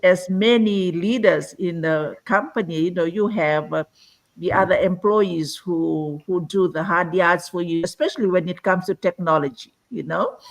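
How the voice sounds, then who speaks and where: A woman's voice: fairly low pitch, normal speed, vocal fry, rough recording. Earnest woman in her sixties from Fiji. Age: 60s. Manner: earnest, frequent "you know" fillers. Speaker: guest entrepreneur. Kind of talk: online live-stream interview.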